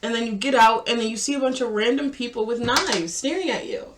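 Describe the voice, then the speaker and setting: A woman's voice: a little high, quick pace, background noise. A woman hosting a casual reaction video, chatting and laughing often while she eats. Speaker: host.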